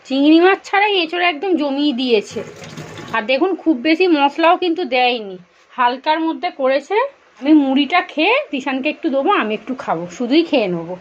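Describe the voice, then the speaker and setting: Chatty high-voiced woman vlogging at home. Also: expressive, fairly quick, highs cut off, slight background noise. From India. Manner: chatty, addresses viewers directly. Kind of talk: casual home vlog narration. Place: home kitchen, indoors.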